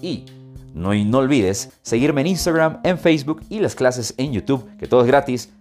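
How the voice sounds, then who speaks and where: A man's voice: medium pitch, normal speed, soft background music. A man hosting a podcast lesson on English intonation, switching between Spanish and English and acting out lines dramatically to demonstrate. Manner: expressive, demonstrates intonation with sung and dramatic readings. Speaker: English teacher and podcast host.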